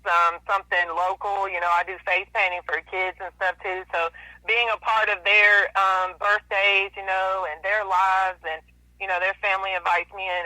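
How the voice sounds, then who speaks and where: A woman's voice: lowish voice, bright, forceful tone, dry recording, rough recording. A woman artist talking over the phone in an interview, chatty and full of "you know" fillers. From East Alabama / West Georgia. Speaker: artist guest. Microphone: telephone.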